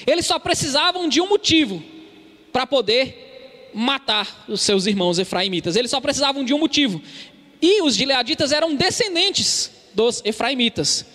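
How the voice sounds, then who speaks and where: A Brazilian preacher gives an earnest expository sermon in a very high, bright, forceful voice with lively intonation, at normal speed and with a Brazilian Portuguese accent. He keeps calling his listeners brothers, and a long reverb makes his words ring out as if in a church hall.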